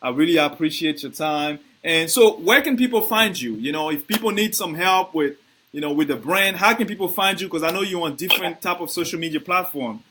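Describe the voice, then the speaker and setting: Man, bright tone, slightly high pitch, casual live-stream host, hesitant phrasing. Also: animated. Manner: hesitant, halting questions with many fillers. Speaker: host of a live video interview.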